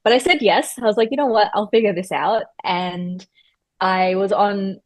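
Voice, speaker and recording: A woman's voice: medium pitch, moderate pace, dry recording. Chatty woman on a dry mic. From Australia. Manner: chatty, animated storyteller with many fillers and self-corrections. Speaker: guest, personal stylist. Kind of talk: podcast interview storytelling.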